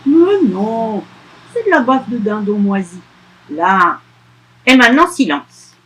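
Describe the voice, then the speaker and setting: A cranky old witch from a storybook, loud and scolding, who snaps at everyone around her. Her voice sits up high and comes out slow and deliberate, as a woman reading aloud puts her on. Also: sing-song, exaggerated voice, poor audio. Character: grumpy old female witch, cranky and shouty.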